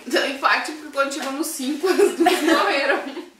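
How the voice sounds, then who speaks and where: A woman's voice: sits high, moderate pace, a bit bright. A young woman in casual chat to camera with a friend. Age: young adult. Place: living room, sofa, camera at some distance. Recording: echoey room, distant mic, faint noise.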